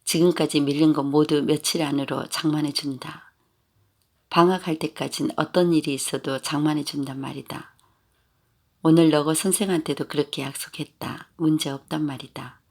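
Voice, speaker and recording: A man voicing a drunk, blustering, one-armed middle-aged father who scolds loudly in Gyeongsang dialect. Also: a little high, steady tone, normal speed. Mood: lecturing. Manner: loud scolding, slurred boasting.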